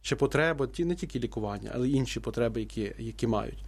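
Hesitant priest on a radio show. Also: male voice, medium pitch, fast talker, a little mellow, slightly rough. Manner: hesitant, many fillers and restarts. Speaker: priest guest. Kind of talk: radio talk-show answers.

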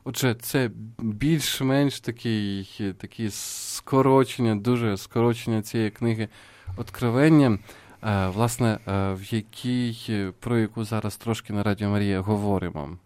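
Male priest, radio catechist, calm and explanatory, dry close studio sound. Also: lowish voice, measured pace, dry recording. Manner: calm, explanatory, with many fillers. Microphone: studio mic.

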